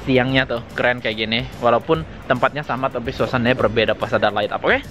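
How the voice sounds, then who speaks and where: Out at night in a hot spring town, a young male vlogger holds his camera at arm's length and enthusiastically exclaims his way through a casual travel vlog. He talks fast in a steady, mid-range, slightly bright voice. Faint music plays behind him.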